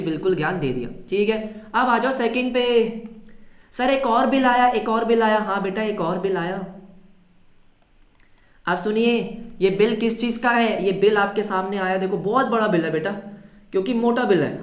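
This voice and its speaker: A male accounting teacher giving a lively online class, mixing English terms into Hindi and quizzing students, then answering for them. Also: high voice. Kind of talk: live online class lecture. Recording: roomy echo.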